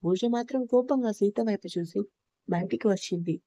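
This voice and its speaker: A woman storyteller reading a romance story in a steady, even narration. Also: mid-range voice, normal speed, no room sound.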